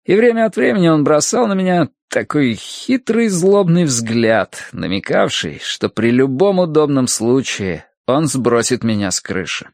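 Male audiobook narrator, animated pitch, dry close sound, storytelling. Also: measured pace, few pauses, no room sound. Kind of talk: expressive audiobook reading.

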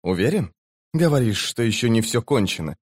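A man's voice: medium pitch, sing-song, a little fast. A man voicing a weary, blunt female sorceress in a plain, curt way.

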